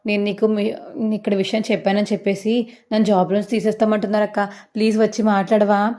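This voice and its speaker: A woman's voice: medium pitch, little pitch movement, fast, mellow, lightly acted. A woman voicing a young hospital clerk who tearfully pleads to keep her job. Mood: pleading.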